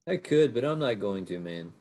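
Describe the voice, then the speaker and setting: A man's voice: fairly low pitch, animated, moderate pace, warm tone. A man playing a tabletop game in casual chat, laid-back and calling everyone man. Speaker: player.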